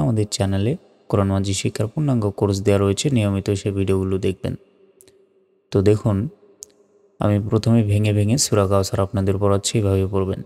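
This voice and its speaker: A low-pitched, even-voiced man teaching Quran recitation patiently. His tone is mellow and smooth, and he spells out the letters slowly before reciting them drawn out. The voice carries a long hall reverb, with faint music underneath.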